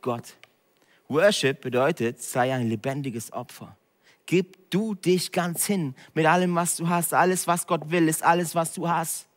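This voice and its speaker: Preaching man in a reverberant hall. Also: on the high side. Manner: direct, swinging between hushed and loud emphatic preaching. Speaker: pastor. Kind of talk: sermon.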